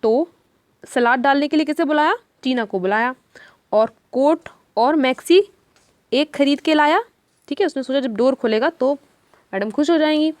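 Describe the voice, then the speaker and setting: A woman's voice: high voice, normal speed, dry recording. A woman teacher giving an exam-prep lesson, chatty and storytelling, asking her students questions as she goes.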